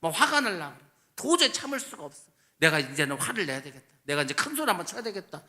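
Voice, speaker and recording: A pastor preaching a sermon, emphatic, asking rhetorical questions and answering them himself, swinging between loud stress and quiet asides in a church sanctuary. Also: male voice, on the high side, very animated, quick pace.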